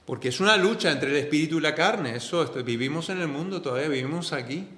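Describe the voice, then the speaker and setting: A male pastor from delivers a sermon in a somewhat high voice. He preaches earnestly, repeating key phrases, rising to loud stresses and dropping to quiet asides. The sound rings with the echo of a church hall. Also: expressive, quick pace. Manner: swings between loud stresses and soft, low asides. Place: church sanctuary.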